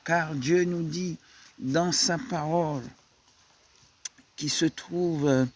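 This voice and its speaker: A man preaching a sermon, slow and halting, often repeating words as he searches for the next one. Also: a little high, fairly even intonation, a little hiss or hum.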